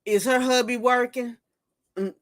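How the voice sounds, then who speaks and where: In her fifties, a woman hosts a casual livestream, gossiping and reading viewer comments aloud before reacting to them. She speaks unhurriedly in a steady, fairly high voice.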